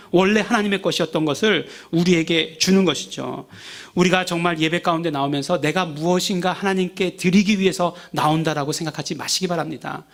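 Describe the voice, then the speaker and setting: A male pastor preaching with a high, gravelly voice. He talks in an easy conversational way, keeps asking the congregation questions and checking "예?", and slips into playful quoted asides. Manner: acts out everyday grumbling in quoted asides. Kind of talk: sermon.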